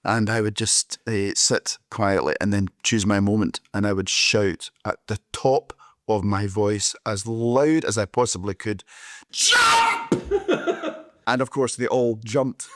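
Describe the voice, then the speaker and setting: A former teacher with a Scottish accent, now a podcast co-host, recounts his classroom pranks loudly and jovially in casual storytelling. His voice is on the low side and very animated, though he takes his time.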